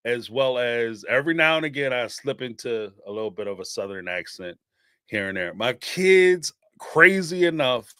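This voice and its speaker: The host speaks at moderate pace in a clear, resonant, mid-range voice, captured in clean studio sound with no echo. A man from the Northeastern United States with a Philly accent, he takes call-ins on his live-stream show, rambling animatedly with lots of fillers and laughter.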